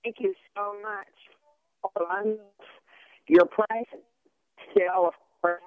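A woman's voice: mid-range voice, steady tone, slow, dry recording. An older woman calling in to a radio show, chatty and effusive, on a clipped phone line that keeps breaking up. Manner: chatty, effusive, warmly praising. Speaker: radio call-in caller. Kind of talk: casual call-in chat. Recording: tinny phone line cutting in and out.

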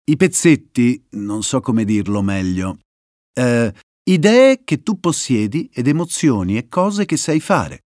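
A man voicing a gentle, cheerful female grass snake who talks simply and kindly. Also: medium pitch, big pitch swings, slow, no room sound, clean studio sound.

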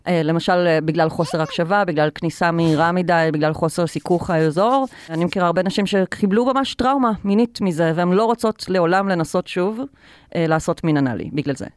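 A woman hosting a podcast interview, chatting in a relaxed way and asking questions in a studio. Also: lowish voice, no echo. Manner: chatty, asks questions and adds comments. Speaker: podcast host.

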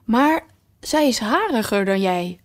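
A woman's voice: a little high, animated, slow. A woman reading aloud voices a blunt, critical talking tiger lily in a storybook. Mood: snippy. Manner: blunt, snippy.

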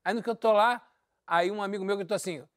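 Man with a high voice, animated, laughing through his stories; casual group chat. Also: fast talker, no room sound, studio quality. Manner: animated, laughing while telling a story. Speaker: guest.

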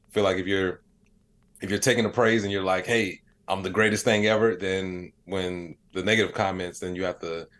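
Fairly quick and steady in tone, the low, slightly bright voice belongs to a middle-aged American man answering interview questions. He is a comedian and digital creator on a podcast, relaxed and reflective as he tells stories.

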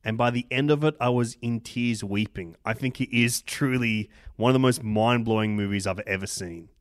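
A man's voice: medium pitch, moderate pace, no room sound, clean studio sound. A man co-hosting a casual film podcast, enthusiastic, emphatic and sweary. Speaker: podcast co-host.

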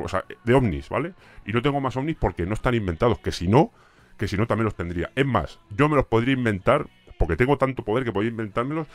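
A man playing a boastful giant cosmic villain in a comedy sketch, talking in a deepened put-on voice and bragging in pompous, rambling nonsense. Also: no echo, natural voice.

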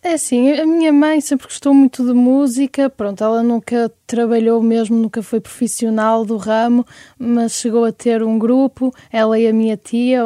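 Young portuguese woman from porto, easygoing chatty guest, bit high, dry close sound. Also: dark tone, no room sound. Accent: European Portuguese. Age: 20s. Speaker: guest singer-songwriter. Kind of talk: casual interview chat.

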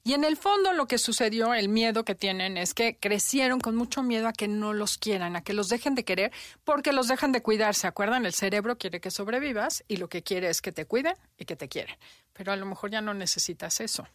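A woman's voice: mid-range voice, animated, brisk, a bit bright, dry recording, clean studio sound. Questioning woman podcast co-host. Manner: guides the talk with questions. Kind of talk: casual chat.

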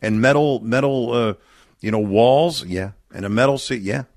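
A man's voice: mid-range voice, normal speed, no room sound, clean studio sound. A middle-aged man from Texas, a charity guest on a radio interview, telling stories in an earnest, reflective way.

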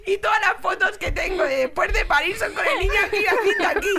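A woman's voice: very high-pitched, fast, a crowd in the background. A woman with a Madrid Spanish accent telling a story in casual chat, swearing, laughing and acting out quotes.

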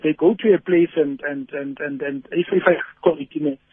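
A man calling a radio phone-in, reasoning haltingly through his opinion and repeating words as he goes. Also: fairly high pitch, fairly even intonation, breathy edge, no echo. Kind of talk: casual reflective opinion. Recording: tinny narrow phone line.

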